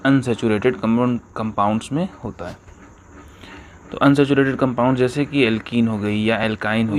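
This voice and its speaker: A man at an ordinary middle pitch teaching a chemistry class. He asks himself questions and answers them, repeats each key term, and keeps checking in with his listeners. A faint hiss sits under the recording. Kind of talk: explanatory lesson with rhetorical questions.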